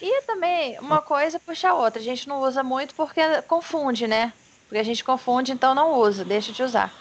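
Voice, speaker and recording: A woman with a fairly high voice and a Brazilian Portuguese accent, teaching English over a video call. She explains patiently and models each word slowly. A faint hiss of background noise sits under the call. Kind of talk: online English lesson.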